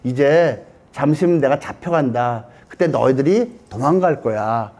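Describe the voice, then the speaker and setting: A man voicing Jesus as a gentle, grave teacher speaking softly to his disciple in a retold story. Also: mid-range voice, lively intonation, normal speed, voice pushed down, lightly acted.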